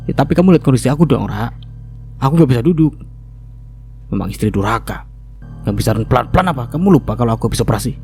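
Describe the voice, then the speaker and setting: A man plays a bitter husband stuck in a hospital bed, who nags and feels sorry for himself. The voice is mellow and close to a natural man's register. Faint music plays behind him. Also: mid-range voice, expressive, fast talker, pauses often, lightly acted. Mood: scolding. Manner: complaining, scolding. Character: bitter bedridden husband, whiny and scolding.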